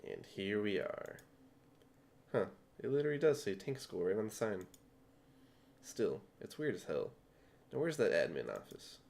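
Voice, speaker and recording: Brief: man, lowish voice, dry exasperated game narration. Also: sing-song, normal speed, vocal fry, long pauses, a little mellow. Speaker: streamer reading the lead character. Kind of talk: casual game playthrough reading.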